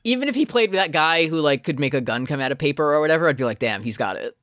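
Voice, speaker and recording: A man's voice: on the high side, rapid-fire, dry recording, studio quality. A man co-hosting a podcast, recapping an anime in casual, joking chat. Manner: lively, joking, exclaims loudly when excited. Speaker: podcast co-host.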